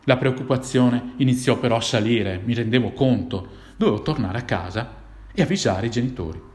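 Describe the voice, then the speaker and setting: A man's voice: mid-range voice, fairly quick, a little mellow. A man narrating a childhood memory in the first person, with a dramatic telling that lifts for the tense moments. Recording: roomy echo.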